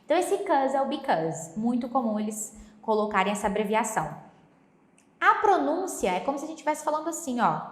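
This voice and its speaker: A Brazilian woman with a somewhat high voice teaches English pronunciation through a song. She explains each point step by step and repeats lyric lines slowly. Her voice rings in a noticeably echoey room. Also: sing-song.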